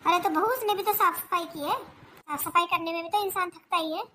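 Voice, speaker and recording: Skit figure: high, bright voice doing a grumbling older mother-in-law, complaining and self-pitying, faint hiss behind. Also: brisk. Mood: scolding. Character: nagging older mother-in-law with aching knees. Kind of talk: family comedy skit.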